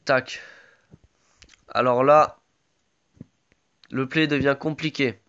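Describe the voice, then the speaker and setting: A man's voice: mid-range voice, steady tone, slow pace, fairly bright tone, clear, resonant tone, dull audio. A man with a sore throat giving casual live commentary on his own game, chatty and full of gamer slang.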